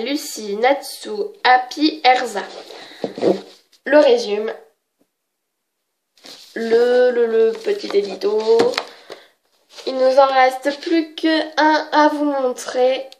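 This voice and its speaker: A woman with a cold and a voice on the high side chats casually while showing off her manga books, with background noise audible. Her show-and-tell is hesitant, packed with fillers and self-corrections.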